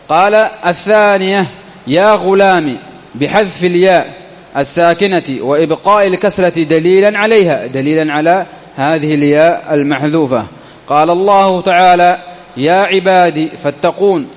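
A man with a high-pitched voice teaches a classical grammar text, reading a line and then unpacking it. He often repeats a phrase slowly so it sinks in. His voice rings out with a long reverb, as in a large hall. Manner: repeats words and phrases slowly to drill them.

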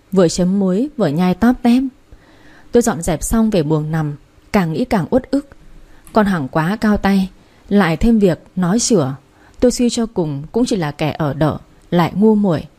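Female storyteller, first-person narration, warm and mellow, steady delivery. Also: mid-range voice.

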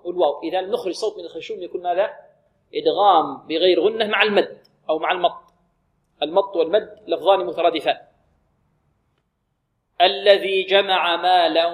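A man teaching Quran recitation, modelling words slowly and answering his own questions. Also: high voice. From Libya. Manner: asks questions and answers them himself. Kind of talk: tajweed lesson with recited examples.

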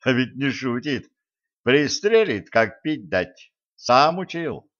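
Guy reading as a calm dry boss giving orders, slow, audiobook, muffled. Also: mid-range voice. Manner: curt, wry. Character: calm dry commander, wry and curt.

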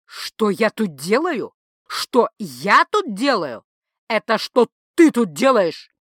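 Jealous hysterical official guy yelling, loud and whiny, dry close sound, woman reading him. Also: medium pitch, expressive, moderate pace, no room sound, lightly acted. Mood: shrieking. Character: jealous shrieking husband, a city official.

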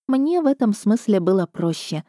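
A woman reading an audiobook in first person, with even, measured storytelling. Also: medium pitch, no echo, studio quality. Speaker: audiobook narrator.

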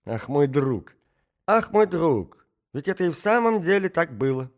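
A man reading an audiobook, voicing a muddled, forgetful old prince who rambles and brightens easily. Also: mid-range voice, expressive, moderate pace, pitched above the performer's own voice, close to an everyday voice. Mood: delighted.

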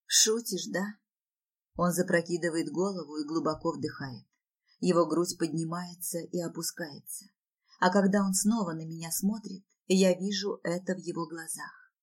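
A woman's voice: on the low side, fairly even intonation, normal speed, darkish tone. Woman narrating with dramatic emotion. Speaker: audiobook narrator. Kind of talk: first-person audiobook narration.

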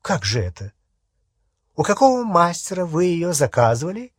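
Man playing a pompous dark wizard. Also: a little high, huge pitch swings, normal speed, breathy edge, dry recording, studio quality, voice pushed up, exaggerated voice. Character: arrogant adult male wizard, bewitched.

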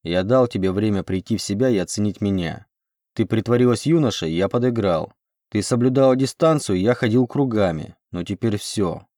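A man's voice: fairly low pitch, moderate pace, mellow, no room sound, clean studio sound, lightly acted. A man reading an audiobook, voicing a domineering, possessive male suitor who growls his commands.

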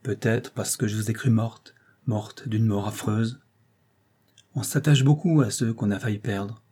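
A man playing a calm, commanding suitor. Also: on the low side, a little slow, husky. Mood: earnest. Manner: earnest, authoritative.

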